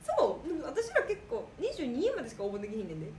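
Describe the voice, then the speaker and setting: Fast, high-pitched young Kansai woman. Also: huge pitch swings, a crowd in the background. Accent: Kansai Japanese. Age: about 19. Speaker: idol, companion on the livestream. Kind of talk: casual banter among friends. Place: echoey indoor room. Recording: roomy echo, clear room noise.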